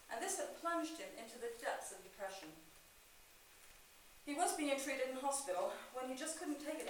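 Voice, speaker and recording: A woman playing a brisk, frank Edwardian women's movement organizer, giving a chatty but genteel formal address. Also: a little high, a bit bright. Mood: sombre, frank. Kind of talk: amateur costumed historical monologue, formal public address. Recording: echoey hall from far off, faint noise.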